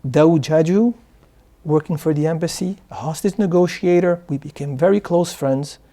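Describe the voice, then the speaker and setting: A man's voice: on the high side, moderate pace, mellow. A man from Morocco, a guest answering interview questions in an earnest way, often repeating words as he starts sentences. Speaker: guest, charity founder. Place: studio.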